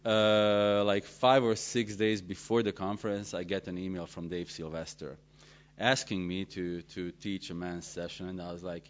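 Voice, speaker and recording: A man pastor from Serbia, giving a joking, self-deprecating conference talk in halting English. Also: sits low, flat delivery. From Serbia (former Yugoslavia). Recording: dull lo-fi sound.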